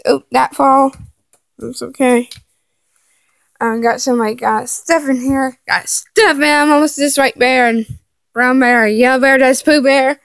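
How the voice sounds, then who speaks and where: A woman walks through her house with a handheld phone camera, offering a relaxed home tour narration. She has a high pitch and talks very slowly, stopping frequently and padding the pauses with fillers like "um" and "uh" as she points out each thing in turn.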